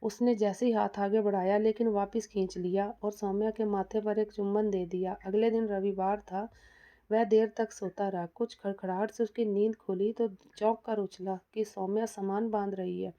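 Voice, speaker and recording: Mellow-voiced woman telling a story. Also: mid-range voice, level tone, normal speed. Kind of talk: scripted story narration. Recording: dull lo-fi recording.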